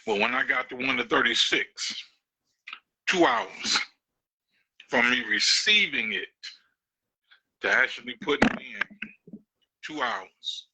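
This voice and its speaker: A man's voice: mid-range voice, big pitch swings, slow pace, vocal fry, pauses often, bright, forceful tone, husky, dry recording, poor audio. A man telling his life story as a guest in a casual conversation, laid-back with plenty of fillers, on his own microphone during a call. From Detroit. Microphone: own mic on a call.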